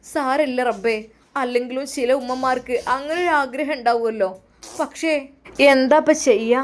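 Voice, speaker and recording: A woman's voice: sits high, fairly even intonation, moderate pace, close to an everyday voice. A woman voicing a hurt young wife. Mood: resolved. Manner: soft, pleading inner monologue.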